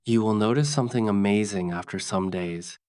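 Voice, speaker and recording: A man's voice: on the low side, moderate pace, a little mellow, clean tone. A man narrating a scripted English accent lesson in short, plain, instructive sentences. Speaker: English teacher.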